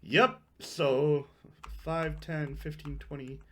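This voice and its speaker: A man's voice: on the high side, steady tone, slow pace. A man running a tabletop game as game master, counting out distances and giving rulings aloud.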